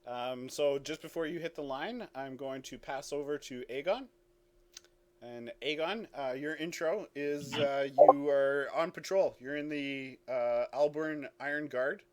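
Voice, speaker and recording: A man's voice: a little high, unhurried, slight background noise. A man running a tabletop game as game master, reading character intros with casual asides and small restarts.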